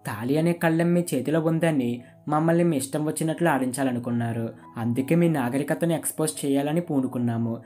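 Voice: mid-range voice, a little fast, mellow, faint music behind, lightly acted. A firm, defiant young wife, read by a narrator.

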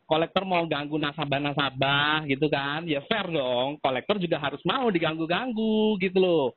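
A man's voice: fairly high pitch, moderate pace. A man arguing on a phone call with a debt collector, mocking and lecturing her. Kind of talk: recorded phone argument. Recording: tinny phone line.

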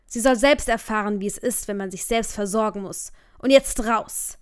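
A woman reading an audiobook, voicing a stern, angry middle-aged father who speaks in curt, forceful bursts. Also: medium pitch, unhurried, close to an everyday voice.

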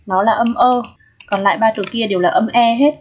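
A woman's voice: a little high, fairly quick, a little hiss or hum. A Vietnamese-accented woman teaching, going through a middle-school English exam step by step and often checking that her students follow. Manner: patient, checks in often with the class. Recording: dull lo-fi audio.

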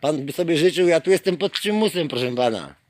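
A man films outside a police station at night and teases an officer with a theatrical, mocking tone. His voice sits a bit high and swings widely as he calls out and jokes. He talks loudly enough to be heard through a door. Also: animated, dry recording. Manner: teasing, theatrical, calls out names in drawn-out shouts. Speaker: vlogger filming a police station visit. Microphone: handheld camera.

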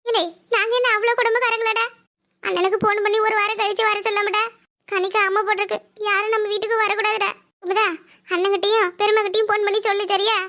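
A woman voicing a fussing, caring older village mother-in-law in a cartoon, speaking with a southern Tamil Nadu accent and giving orders fast. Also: very high voice, level tone, sharp tone, full character voice. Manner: bossy, fast, scolding yet tender. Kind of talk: cartoon voice acting.

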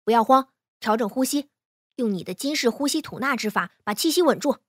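A woman's voice: fairly high pitch, expressive, no room sound. Girl doing a laid-back young swordsman guy coaching his nephew, teasing and upbeat, dry mic. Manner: brisk coaching, teasing encouragement. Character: playful young male swordsman mentor, easygoing.

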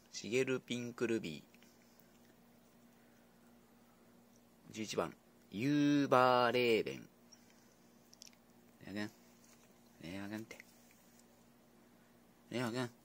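A man chats to his pet dogs at home in a playful, coaxing way. His pitch swings widely up and down as he talks. A faint hiss of noise sits behind him. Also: fairly bright tone. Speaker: vlogger predicting a horse race with his dogs. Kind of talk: casual chat to pets.

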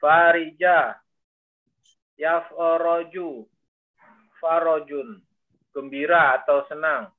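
A man's voice: a little high, steady tone, very slow, pauses often. A male student reciting Arabic vocabulary in an online class, hesitant and correcting himself as he goes. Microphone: video call. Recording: tinny phone-like call audio.

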